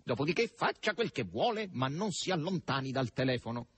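Azazello, a man doing a husky mocking demon. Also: mid-range voice, big pitch swings, a little fast, fairly bright tone, dry recording, voice pushed up. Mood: commanding. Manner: curt, impatient, mocking. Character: gruff sardonic male demon henchman.

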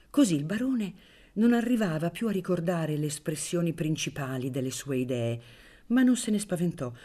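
A woman reading a classic novel aloud for radio, in a measured, expressive way. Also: low-pitched. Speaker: reader of a novel. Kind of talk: literary audiobook reading on radio.

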